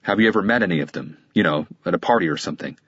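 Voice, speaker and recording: A calm detective questions a witness steadily and persistently, read by a man in an audiobook. The voice is low and husky. It sounds dry and a little dull. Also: rapid-fire, no echo. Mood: probing. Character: calm, probing male police detective.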